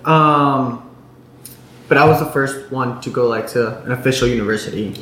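Young man, from Chicago, guest, chatty storyteller; mid pitch, roomy sound. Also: normal speed, fairly bright tone. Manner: chatty storyteller, many fillers and quoted dialogue. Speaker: interview guest. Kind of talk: casual chat. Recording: echoey room with faint noise.

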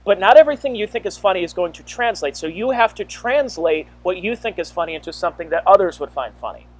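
A man's voice: sits high, animated. Rambling man in casual comedy chat. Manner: rambling, quick, laughs along. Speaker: comedian podcast host.

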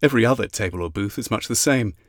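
A man narrating an audiobook in a measured, even reading. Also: lowish voice, no room sound, clean studio sound. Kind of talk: scripted narration.

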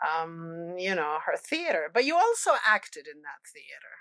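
A woman hosting a casual interview, asking curious, warm questions. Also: lowish voice, sing-song, unhurried, no room sound, clean studio sound.

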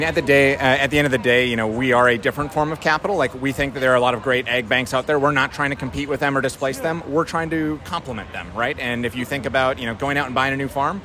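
A man's voice: mid-range voice, pushed and bright. A man with a North Dakota accent explaining things in a plain-spoken, conversational way as an interviewed company representative. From North Dakota, USA. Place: outdoors at a busy farm trade show. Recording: outdoor crowd and vehicle noise.

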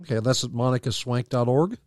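A man's voice: medium pitch, fairly quick, a little mellow, dry recording, clean studio sound. A man working as a radio co-host, talking and reading announcements on air. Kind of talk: promotional announcement read and casual radio talk.

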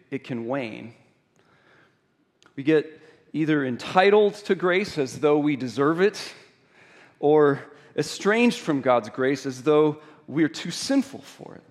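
A man preaching a sermon, telling a story with many restarts and moving between hushed and emphatic delivery. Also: on the high side. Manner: storytelling with many small repeats and restarts, swinging from quiet to emphatic. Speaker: pastor. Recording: long reverb of a large hall.

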